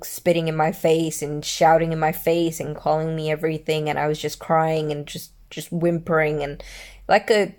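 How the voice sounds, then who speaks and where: A woman's voice: low-pitched, darkish tone. A woman telling a personal story in a vlog, candid and emotional, swearing freely. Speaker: mother telling her own story.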